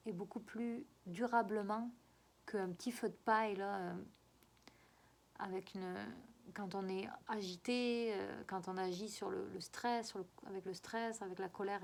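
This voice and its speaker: Halting, coaxing woman giving spiritual guidance. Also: medium pitch, darkish tone. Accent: regional French accent. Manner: coaxing and repetitive, often halting to search for words. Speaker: spiritual guide giving a card reading.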